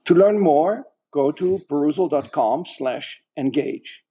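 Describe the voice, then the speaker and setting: A man's voice: fairly high pitch, animated, slow, dark tone, a little hiss or hum. A man hosting a podcast interview, posing questions with some hesitant restarts, then reading a closing. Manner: hesitant, restarts mid-sentence. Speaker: podcast host.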